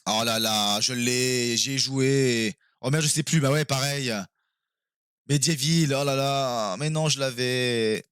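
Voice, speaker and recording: A man streaming live and playing a quiz game with his viewers, excitable and quick to exclaim and swear when he is stuck. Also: medium pitch, clear, resonant tone, no echo, clean studio sound.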